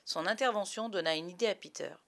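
A woman reading a children's story aloud with a lively, expressive delivery. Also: on the low side, fast talker, gravelly.

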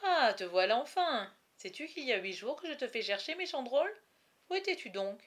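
A woman reading aloud, voicing an impetuous young medieval lord who speaks loudly and directly. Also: medium pitch, a little fast, natural voice.

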